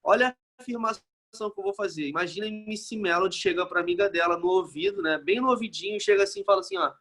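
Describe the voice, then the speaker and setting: High-voiced man from Rio teaching physics. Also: fast, a bit bright. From Brazil. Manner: casual and joking, tags nearly every phrase with a checking question. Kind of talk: recorded classroom lesson.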